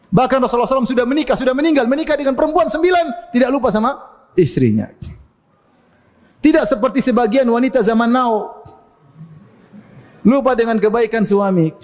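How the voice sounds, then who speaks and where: A man's voice: very high-pitched, lively intonation, fast, pauses often, darkish tone, in a large hall. A man preaching a sermon, telling stories with humor and acting out the people he quotes. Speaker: Islamic preacher.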